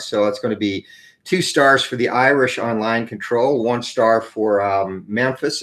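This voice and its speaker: A man hosting a tabletop college football game, explaining rolls and play results with frequent pauses and a morning voice. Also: lowish voice, a bit bright, low-quality recording. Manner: explains rules and dice rolls, many "uh" pauses. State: morning voice, clears throat.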